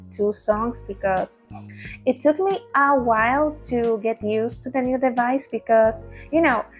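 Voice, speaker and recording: A woman vlogging in a casual ramble, laughing often and restarting her words, recorded on a tablet at home. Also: fairly high pitch. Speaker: vtuber vlogger. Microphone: tablet mic.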